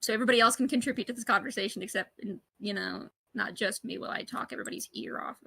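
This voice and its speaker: A woman's voice: mid-range voice, very fast, creaky, pushed and bright, breathy edge, no room sound. A woman chatting and telling stories casually during a gaming stream, swearing now and then. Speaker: streamer co-player.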